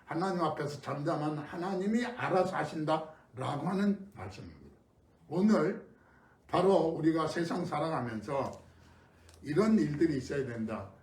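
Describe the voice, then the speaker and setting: A middle-aged man from Korea preaching an early-morning sermon as pastor, telling stories in a conversational way with sudden loud emphases. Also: a little high, expressive, moderate pace. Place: church sanctuary. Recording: echoey room, mic at a distance.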